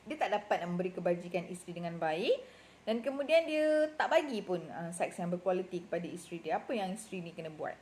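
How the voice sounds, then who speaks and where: A woman's voice: on the low side, expressive, fast, darkish tone, a little hiss or hum. A middle-aged woman with a Malaysian Malay accent gives casual marriage advice, talking in a chatty way full of fillers and self-corrections. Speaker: marriage and relationship advisor.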